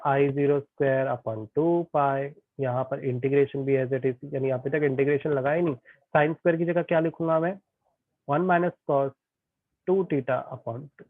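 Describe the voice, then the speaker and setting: A man's voice: fairly high pitch, dry recording. A male tutor teaching an online physics class, chatty and often checking that students follow. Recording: tinny phone-like online class audio.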